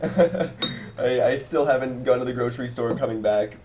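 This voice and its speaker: A man's voice: mid-range voice, moderate pace, a little mellow, slight background noise. Young man rambling on a headset call. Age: 20s. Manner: rambling, laughs often, many restarts. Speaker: cannabis streamer. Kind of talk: casual live-stream chat. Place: small home room, indoors. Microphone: headset, video call.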